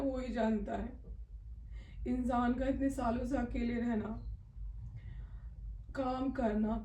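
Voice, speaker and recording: A woman's voice: on the high side, dark tone, recorded from a distance, a little hiss or hum. A woman talking in a casual personal vlog at home, earnest, emotional and confiding. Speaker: vlogger. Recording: echoey room, voice from off-mic.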